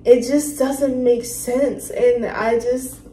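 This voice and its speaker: A woman hosting a reaction video, talking earnestly and emotionally with halting, apologetic restarts. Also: a little high, level tone. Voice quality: emotional, soft-spoken. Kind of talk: casual reaction commentary. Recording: roomy room with faint noise.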